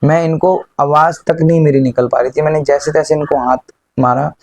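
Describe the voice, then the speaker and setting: A man's voice: fairly high pitch, steady tone, a little fast, vocal fry, dry recording. A man earnestly telling of a personal experience in casual Hindi, mixing in English words. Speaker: devotee sharing a personal experience. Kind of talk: casual testimony.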